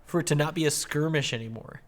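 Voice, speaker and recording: Wisecracking man, slightly high voice. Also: fast. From northern United States. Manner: joking, incredulous, informal interjections. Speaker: podcast co-host. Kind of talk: casual banter, asking questions.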